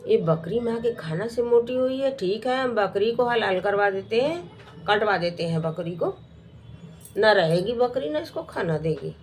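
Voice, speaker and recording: A woman's voice: medium pitch, expressive, a little slow, a little hiss or hum, lightly acted. A woman playing a harsh, scolding stepmother. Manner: scolding, suspicious.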